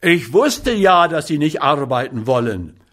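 A man's voice: mid-range voice, measured pace, natural voice. A man reading a story aloud and voicing a surly, well-fed man who snarls scornful remarks between bites of meat pie. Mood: scolding. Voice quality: snarling, barking. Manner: curt and scolding. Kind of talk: audiobook character voice.

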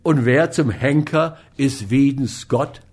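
A man's voice: medium pitch, slow, darkish tone, husky. A man reading an audiobook, voicing a cautious, sly gambler. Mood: wary. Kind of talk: audiobook character voice.

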